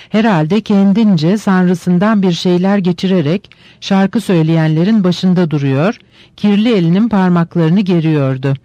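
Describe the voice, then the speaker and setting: A man reading a novel aloud in steady, measured scripted narration. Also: high-pitched, no echo, dull audio.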